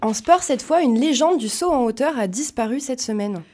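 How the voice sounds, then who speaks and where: A woman's voice: high-pitched, animated, moderate pace, a little mellow. Young woman hosting student news. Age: young adult. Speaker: host. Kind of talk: scripted news presenting.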